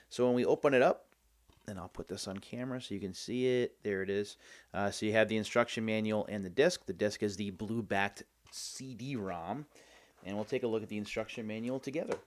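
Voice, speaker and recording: A man hosting a video, giving casual, chatty unboxing commentary and thinking aloud as he goes. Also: on the low side. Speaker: host of a game unboxing video series.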